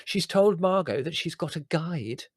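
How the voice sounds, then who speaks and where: A man raises his voice above its natural pitch to play a coy, fussy, earnest female cousin in a storybook, sounding animated, unhurried, and a bit breathy. The character gushes and confides emphatically, is easily exasperated, and carries an ominous, confiding mood. The studio recording is dry and clean.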